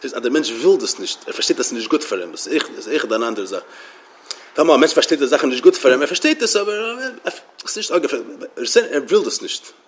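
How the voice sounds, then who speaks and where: A man giving a Torah lecture as a religious teacher, halting and often repeating words as he restarts his sentences. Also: mid-range voice, very animated.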